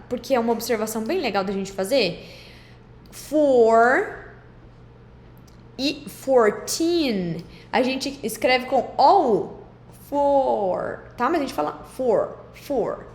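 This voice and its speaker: A woman teaching English numbers to learners, drilling them slowly and adding teacherly asides. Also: high-pitched. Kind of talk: classroom-style lesson. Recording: roomy echo with faint background noise.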